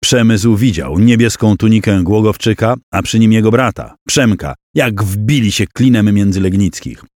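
Low-voiced man narrating a battle audiobook. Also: normal speed, dry recording, clean studio sound. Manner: voices characters' shouts and cries within the narration.

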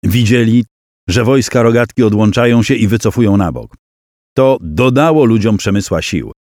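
Low-voiced man narrating a battle audiobook. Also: expressive, moderate pace, no echo, clean studio sound. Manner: voices characters' shouts and cries within the narration.

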